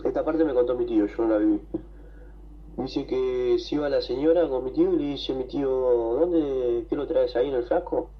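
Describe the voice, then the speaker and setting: A man with an Argentine accent, telling a story to a radio show, excited and rambling, with coughs and throat clearing. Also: medium pitch, moderate pace, lo-fi sound. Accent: Argentine Spanish. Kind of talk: casual storytelling.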